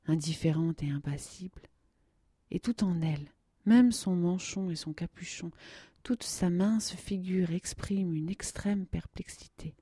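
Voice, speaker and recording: Low husky woman reading a story. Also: no echo, studio quality. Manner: hushed, drops to a whisper for tense moments. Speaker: audiobook narrator. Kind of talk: scripted narration of a story.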